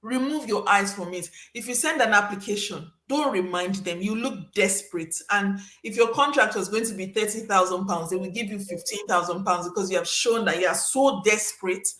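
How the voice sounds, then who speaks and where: A woman hosting a casual advice talk to her audience, emphatic and lively. She repeats points for stress and jumps into high voices to act out little exchanges. Her mid-pitched voice rings in a roomy echo. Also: normal speed, few pauses. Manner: animated, acts out little scenes with sudden high voices. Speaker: host giving career advice.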